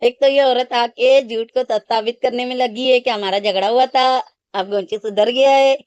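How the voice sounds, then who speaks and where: A woman's voice: fairly high pitch, steady tone, moderate pace, darkish tone, clean tone, no echo, highs cut off. A woman hosting a reaction channel, giving casual ranting commentary in a scornful, scolding way.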